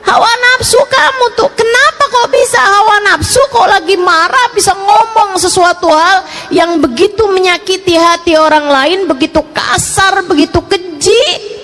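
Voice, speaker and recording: A woman preaches a lively sermon in a high, clear voice. She drops to soft, low asides, then rises into bright, pointed questions. She acts out short back-and-forth exchanges with her listeners over a faint hum of ambient noise. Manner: plays out quick imagined dialogues with listeners. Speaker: female preacher.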